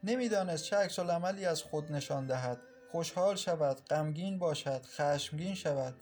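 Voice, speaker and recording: A male narrator reads a dramatic story at a measured, sorrowful pace. His voice sits a little high for a man, with soft instrumental music playing faintly behind. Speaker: audiobook narrator.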